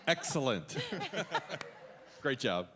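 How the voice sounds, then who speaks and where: A man judging a talent show, giving halting, chuckling praise. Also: medium pitch, sing-song, very noisy. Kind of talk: giving feedback. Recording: reverberant hall.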